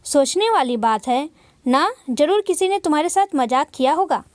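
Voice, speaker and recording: A woman voicing a young man in a storybook reading, a smooth, evasive husband. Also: high-pitched, lively intonation, moderate pace, no echo. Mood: coaxing.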